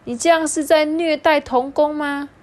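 A woman voicing a cheeky, talkative little schoolboy in a high, whiny, pleading voice for a read-aloud children's story. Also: fairly even intonation, moderate pace, darkish tone, close to an everyday voice. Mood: indignant.

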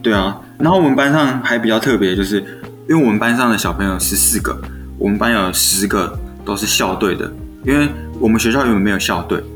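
A young male teacher with a Taiwanese Mandarin accent tells classroom stories at a quick clip. His voice sits fairly low, and he slips into little acted-out bits of dialogue. Soft music plays faintly underneath. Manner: animated storyteller who acts out quoted dialogue. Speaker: elementary school teacher. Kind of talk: casual storytelling chat. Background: faint background music.

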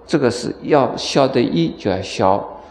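A man's voice: medium pitch, lively intonation, a little slow, darkish tone, reverberant. A Buddhist monk teaching a dharma lecture, telling stories and acting out dialogue with chuckles, often asking his listeners questions. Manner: storytelling, acts out dialogue with chuckles; asks the audience questions.

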